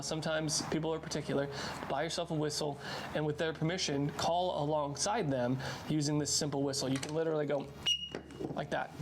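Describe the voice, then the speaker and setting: A man in his thirties explaining things in a casual, informal, plain-spoken how-to style, sometimes repeating words for emphasis. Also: a little high. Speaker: instructor, duck hunter. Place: outdoor covered patio at night. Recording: clear outdoor background noise.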